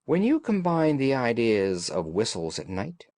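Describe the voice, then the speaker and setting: A man reads an audiobook as a shrewd gentleman detective, sounding calm, analytical and authoritative, with formal, deliberate phrasing. His pitch is medium and there's no room sound.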